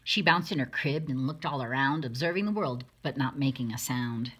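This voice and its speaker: This woman's voice is very deep and husky with a slight brightness, and she keeps a normal pace. Reading a rhyming picture book for children, she performs each line with dramatic flair.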